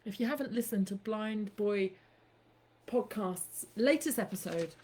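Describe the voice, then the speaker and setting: A chatty woman hosting a live stream for her podcast, taking her time over each phrase. She is playful and swears casually. Her voice sits at an ordinary middle pitch. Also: expressive, measured pace, dark tone. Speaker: podcast host.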